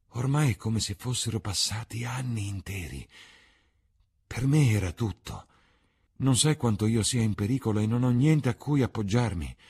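A man's voice: mid-range voice, a little mellow, breathy edge, dry recording, voice pushed up, exaggerated voice. A man voicing a passionate, anguished young male aristocrat in an audiobook reading. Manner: emotional, rises to cries.

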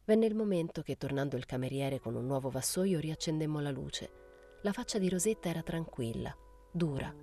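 A woman narrating a literary audiobook in a measured, unhurried way. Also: low-pitched, lively intonation, warm tone, faint music behind. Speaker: audiobook reader.

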